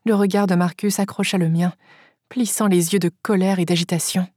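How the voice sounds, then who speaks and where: A woman reading a first-person audiobook aloud, telling the story in a steady, lively way. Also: lowish voice, brisk, no room sound, clean studio sound. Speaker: audiobook narrator.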